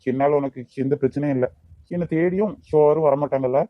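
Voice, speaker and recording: A man's voice: fairly high pitch, brisk, no room sound, dull audio, natural voice. A man voicing a jealous, bossy young man in a cartoon, with a Kanyakumari Tamil accent. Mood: calm. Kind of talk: amateur cartoon voice acting.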